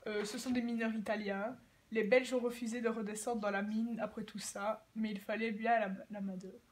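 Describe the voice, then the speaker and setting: Female news explainer, prepared delivery, fairly high pitch. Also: level tone, moderate pace, slight background noise.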